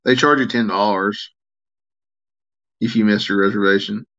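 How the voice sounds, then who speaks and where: On a live stream, a tired, yawning man rambles casually and relaxes while reading and answering viewers' chat comments. His voice is on the low side at a normal speed, with lo-fi sound.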